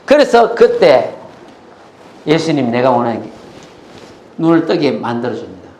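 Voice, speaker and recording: A male pastor preaching a sermon, animated, often putting questions to the congregation. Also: medium pitch, normal speed, roomy sound. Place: church.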